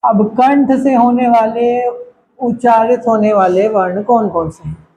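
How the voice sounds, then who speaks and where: A man teaching a lesson in a slow, patient way, often checking in with his students. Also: very high-pitched, fairly even intonation, creaky, warm tone, a little hiss or hum, rough recording. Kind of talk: classroom lesson.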